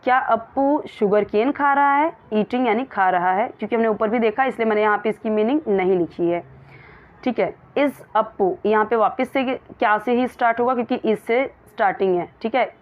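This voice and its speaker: A woman teaching English in Hindi, reading example sentences slowly and explaining each word. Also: mid-range voice. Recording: dull lo-fi recording.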